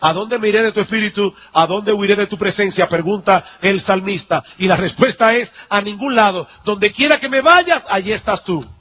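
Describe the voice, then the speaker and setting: Male pastor, high voice, sermon delivery with repeated rhetorical questions. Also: moderate pace, few pauses, fairly bright tone. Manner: preaching with rhetorical questions and repetition.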